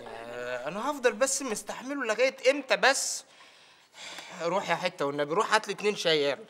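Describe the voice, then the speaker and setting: A man's voice: high voice, very animated, fast talker, a bit bright. An actor playing a lazy, grumbling young bazaar assistant with an Egyptian accent, whining his comebacks in a sitcom. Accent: Egyptian Arabic. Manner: whiny, mumbling comebacks. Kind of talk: sitcom acting.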